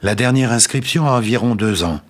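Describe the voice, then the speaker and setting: A man's voice: medium pitch, brisk, pitched above the performer's own voice, natural voice. A man reading a story aloud, voicing an eager young man who talks in an earnest, puzzled, insistent way.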